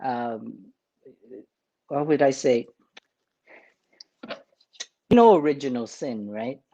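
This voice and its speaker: Priest, middle pitched voice, takes his time, chuckling cooking demo. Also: mellow, dull audio. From Vietnam. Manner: unhurried, chuckling, many filler pauses. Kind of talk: casual cooking demonstration.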